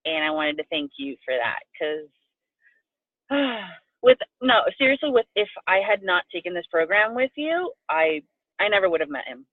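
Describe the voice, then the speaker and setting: Over a tinny, phone-like line, a woman from Puerto Rico with a lowish voice swings widely in pitch at normal speed. She's a coaching client in a video-call interview, gushing and effusive, sometimes tearful, and the recording itself is dry.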